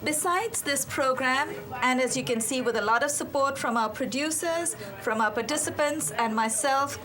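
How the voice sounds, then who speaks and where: A chatty woman hosts a yoga program from a TV studio. Her voice sits high, and she keeps the talk effusive and upbeat throughout. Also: normal speed, pushed and bright. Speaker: yoga show host.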